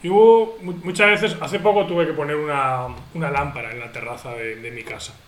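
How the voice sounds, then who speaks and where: A man in his thirties chatting casually on a panel, telling funny stories with squeaky acted quotes. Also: fairly quick, fairly bright tone. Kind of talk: casual chat. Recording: echoey room with crowd noise.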